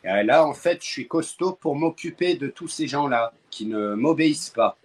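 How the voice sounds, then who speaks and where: A man from France hosting a live stream, chatting casually with callers and cracking deadpan jokes. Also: medium pitch, normal speed.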